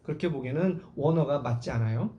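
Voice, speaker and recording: A man preaching a Sunday sermon as pastor, animated and acting out quotes with sudden shouts. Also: on the high side, quick pace, echoey room, lo-fi sound. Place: church sanctuary.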